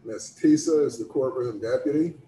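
An older man presiding as a judge, making formal procedural announcements in a measured, courteous, orderly manner. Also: mid-range voice, dark tone. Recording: roomy, distant mic with background noise.

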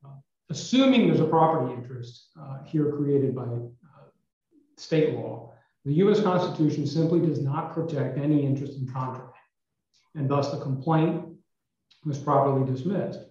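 A male attorney arguing for the state gives an appellate oral argument in a formal, measured courtroom manner. His voice is medium-pitched and warm, but a hollow, well-like echo surrounds it, and the remote audio line sounds dull and echoey.

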